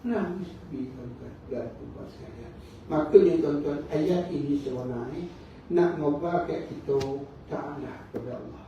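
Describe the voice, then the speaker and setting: A man with a Malaysian Malay accent from Negeri Sembilan gives a storytelling lecture in a mosque hall, acting out the dialogue and asking the crowd "kan?". His voice is fairly high, a little slow, and dark. The recording is dull and echoey, picked up from far off, with slight background noise.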